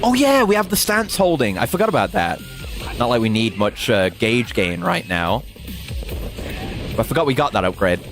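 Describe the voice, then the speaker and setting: A man's voice: medium pitch, sing-song, moderate pace, music in the background. A young man casually commentating a game stream with joking, sarcastic asides.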